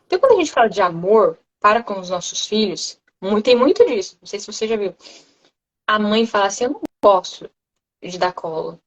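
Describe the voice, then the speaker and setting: A guest speaker on parenting, a woman with a Brazilian Portuguese accent, explains her ideas in conversation at a brisk pace and medium pitch. She is animated and acts out children's voices along the way. The recording is muffled.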